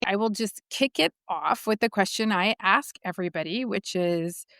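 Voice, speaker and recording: A woman's voice: medium pitch, normal speed, music in the background. A middle-aged woman from California with a Californian accent, hosting an interview podcast and asking questions in a conversational way. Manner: conversational, asks follow-up questions with hesitations. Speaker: podcast host.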